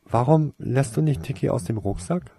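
A man voicing a quick-tempered young witch girl who asks a lot of questions. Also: lowish voice, very animated, warm tone, husky, pitched above the performer's own voice, exaggerated voice. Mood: curious. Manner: tetchy, questioning.

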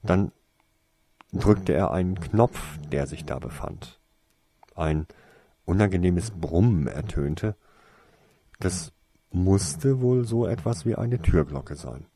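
A man reading a fantasy story aloud in a measured, even narration. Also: low voice, slightly rough. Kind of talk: audiobook fiction reading.

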